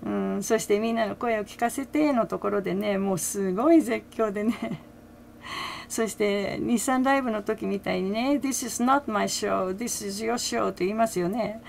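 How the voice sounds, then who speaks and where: A woman's voice: medium pitch, steady tone, a little slow, creaky, a little hiss or hum. An older woman chatting casually as a fan commentator, laughing often between her remarks, with many fillers. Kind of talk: casual chat.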